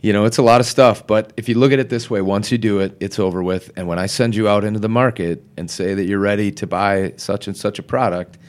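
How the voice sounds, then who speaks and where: Male podcast guest, deep voice, informal professional explaining in a casual, slightly halting conversational way. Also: steady tone.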